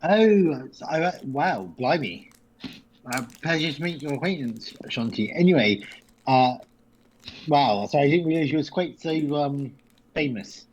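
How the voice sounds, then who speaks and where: A man's voice: on the high side, lively intonation, unhurried, breathy edge, low-quality recording. A man with a British accent playing a humble, awkward mortal adventurer in a tabletop game, rambling, apologetic and polite. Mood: flustered, starstruck. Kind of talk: tabletop role-play.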